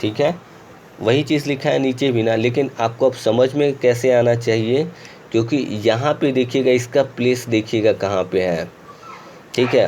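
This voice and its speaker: Indian male English teacher, mid pitch, patient, reads the rules out slowly, faint background hiss. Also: darkish tone. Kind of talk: screen-recorded grammar lesson.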